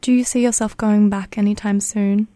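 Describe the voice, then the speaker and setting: A young woman, asking relaxed interview questions with plenty of filler words. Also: mid-range voice, moderate pace, no echo. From Australia. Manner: relaxed, uses many fillers.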